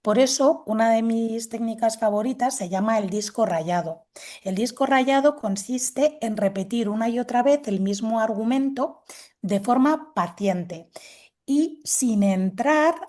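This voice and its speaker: Woman calmly explaining assertiveness. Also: a little high, measured pace. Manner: patient, explanatory, acts out dialogue examples. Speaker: guest expert on assertiveness. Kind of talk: explanatory talk with acted examples.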